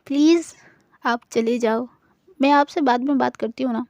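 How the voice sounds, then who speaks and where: A woman voicing a young woman who calms and reassures her best friend. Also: high voice, moderate pace, no echo, lo-fi sound. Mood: reassuring.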